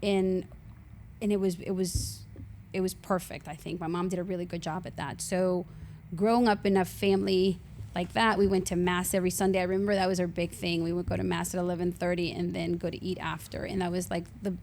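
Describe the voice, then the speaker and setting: A woman in her forties from Honduras, a native Spanish speaker, chatting warmly as a guest and often laughing as she shares her testimony. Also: lowish voice, level tone, brisk, a little hiss or hum. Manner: warm, chatty, laughs often between sentences. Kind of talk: casual faith testimony.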